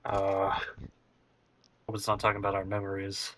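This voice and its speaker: A man's voice: low-pitched, monotone, moderate pace, a bit bright, slight background noise. A man playing in a tabletop game, talking in character casually and hesitantly. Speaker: player.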